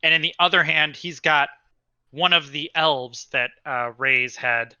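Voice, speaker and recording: A man's voice: on the high side, a little slow, bright, forceful tone, smooth, no room sound, highs cut off. A man narrating a tabletop game as game master, in a casual, rambling way with lots of fillers.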